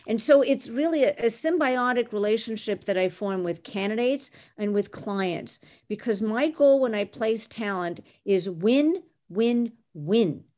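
She's a Canadian recruiter in her sixties, answering interview questions about her working life with assured, well-spoken ease. Her voice is mid-range and a little mellow.

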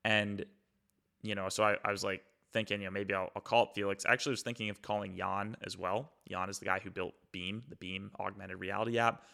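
Young male host, gravelly and lowish, casual motivational talk full of fillers. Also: level tone, brisk, bright, forceful tone. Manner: loose, reflective, many fillers and restarts. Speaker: podcast host.

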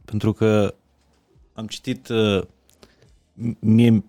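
A man hosting an interview, asking calm, probing questions. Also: lowish voice, dry recording. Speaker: podcast host. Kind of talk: conversational interview.

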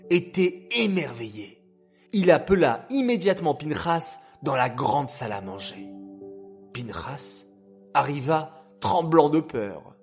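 A man narrating a story in a slow, measured telling. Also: a little high.

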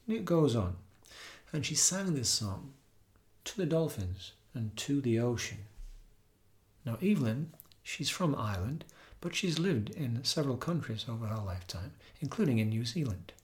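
Man giving an earnest, gentle talk. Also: mid-range voice, big pitch swings. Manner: gentle, earnest, with frequent pauses and restarts. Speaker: yoga and kirtan teacher. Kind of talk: reflective storytelling talk.

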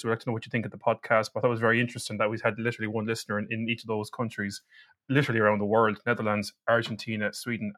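A man's voice: mid-range voice, a bit bright. A man with an Irish accent hosting a podcast in a chatty, bantering, conversational way. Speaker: podcast host.

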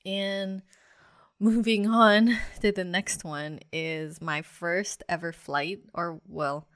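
A woman's voice: lowish voice, steady tone, takes it slowly, fairly bright tone, dry recording, studio quality. A young woman hosting her own parenting podcast, chatting candidly with lots of fillers and little laughs. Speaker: podcast host. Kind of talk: casual solo podcast talk.

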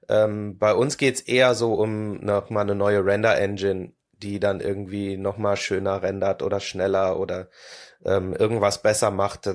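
A man talking as a podcast guest in a relaxed, thoughtful way, pausing often with filler sounds. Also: fairly low pitch. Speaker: guest, 3D illustrator. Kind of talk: casual podcast conversation.

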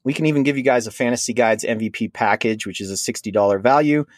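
A man's voice: mid-range voice, fast talker, no echo, studio quality. A man from Minnesota hosting a fantasy football podcast, chatting casually and rambling. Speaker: podcast host. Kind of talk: casual sports podcast chat.

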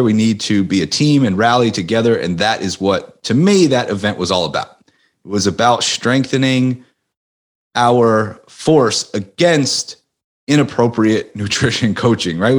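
A man hosting a podcast in an energetic, motivational way, still recovering from losing his voice. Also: lowish voice. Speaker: podcast host. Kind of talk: casual podcast monologue.

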